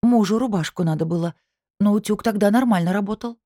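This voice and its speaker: A woman's voice: medium pitch, fast talker, mellow, no echo, studio quality, voice pushed up, natural voice. A woman reading an audiobook, voicing a touchy middle-aged woman who grumbles when suspected. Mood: chatty. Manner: offended, grumbling.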